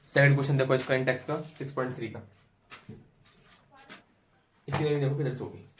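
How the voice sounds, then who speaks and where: Explaining chemistry informally in a classroom, this young man drills step by step and repeats answers, turning teasing and pushy under challenge. His medium-pitched voice holds a steady tone at a fairly quick clip. The far-off recording has a roomy echo and slight background noise.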